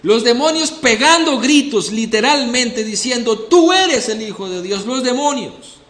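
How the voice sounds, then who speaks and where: Pastor guy preaching, kinda high voice, church echo all around. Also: lively intonation, unhurried, fairly bright tone. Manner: earnest, questioning the congregation directly. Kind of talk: expository sermon.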